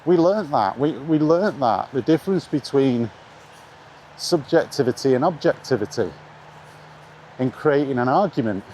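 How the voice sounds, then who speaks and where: Strolling in the rain, a middle-aged video blogger delivers a frank, relaxed monologue on retro games, repeating his points for emphasis. He speaks animatedly at a normal speed with frequent pauses, in a mid-range, slightly mellow voice, and background noise fills the outdoor recording.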